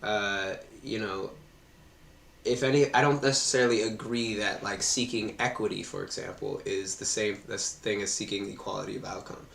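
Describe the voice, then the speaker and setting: A man's voice: on the low side, steady tone, moderate pace, vocal fry, a bit bright. A man hosting a casual political debate on a stream, easygoing and full of hedging fillers. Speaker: stream host debating a guest. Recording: echoey room with faint ambient hiss.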